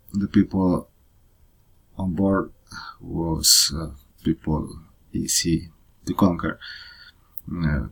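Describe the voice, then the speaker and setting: A man from Rica, giving a halting personal presentation in learner's English, full of pauses and uh fillers. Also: low-pitched, darkish tone, slightly rough. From Costa Rica. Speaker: presenter of a personal photo story.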